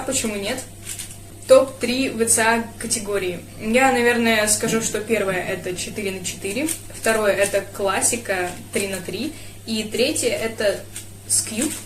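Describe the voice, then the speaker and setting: A young adult woman from Russia, a speedcuber vlogger, answers viewer questions in a casual vlog. Her fairly high voice echoes around the room, and she sounds thoughtful and hesitant, leaning on lots of fillers.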